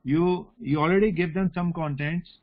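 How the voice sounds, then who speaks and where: A man's voice: fairly high pitch, steady tone, normal speed. A male academic with a North Indian accent explains things informally in an online teaching session. His phrases often end in small checking tags. The sound is a little dull, like call audio. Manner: explanatory, often adds "you know" and "right?" as tags. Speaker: academic lecturer. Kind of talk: informal online lecture with question and answer.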